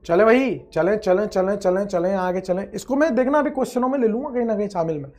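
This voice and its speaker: A man teaching a chemistry lecture with energy and playfulness. He stretches out words, chants repeated phrases, and swings between loud outbursts and quiet asides. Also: high-pitched, quick pace. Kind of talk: online exam-prep lecture.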